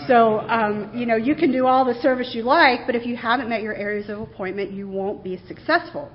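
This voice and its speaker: A woman with a fairly high voice presents to a faculty audience in a conversational way. She is earnest and leans hard on the words she wants to stress. The recording sounds dull and lo-fi. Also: fairly quick. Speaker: university administrator giving a faculty talk.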